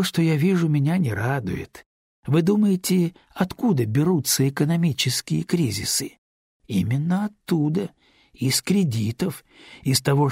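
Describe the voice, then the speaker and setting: A stern older nurse, blunt and thrifty, lectures in a raised, husky voice, as a male narrator puts her on. The storybook reading has a gravelly edge and sounds dry and close. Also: a little high, darkish tone, no echo, heavily acted.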